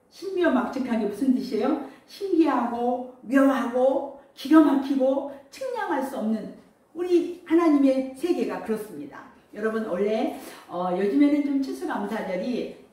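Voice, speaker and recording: A woman's voice: on the high side, warm tone. A woman pastor preaching a sermon to her congregation and leading it in call-and-response. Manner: leads congregation in call-and-response, sings hymn lines. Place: large church hall. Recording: very echoey hall, voice from far off.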